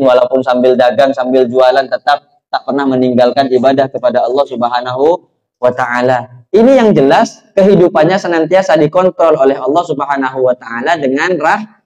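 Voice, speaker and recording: A man's voice: mid-range voice, a little mellow, dull audio. A man preaching a sermon as a kyai, telling a story and often putting questions to the congregation.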